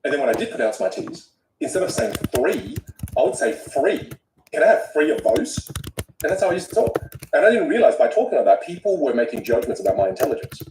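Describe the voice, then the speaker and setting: A man with an Australian accent, a guest speech coach whose first language is Vietnamese, talking in an animated, emphatic way. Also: on the high side, rapid-fire, background noise. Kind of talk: casual conversation. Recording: roomy echo.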